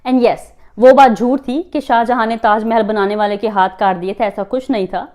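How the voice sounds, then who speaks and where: An Indian woman hosting a fun-facts video. She reads the facts slowly in English and then chats quickly in Hindi. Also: fairly high pitch, steady tone, dark tone. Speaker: host. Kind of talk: fact-sharing video, scripted English and chatty Hindi.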